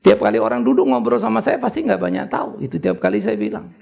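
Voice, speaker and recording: A man's voice: high voice, fast talker, creaky, a little mellow, lo-fi sound. An older man preaching a sermon as pastor, conversational at times and then rising into urgent exhortation. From Indonesia.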